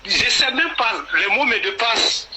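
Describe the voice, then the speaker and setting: Brief: man on a call, friendly, fairly high voice, noisy line. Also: moderate pace. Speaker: caller.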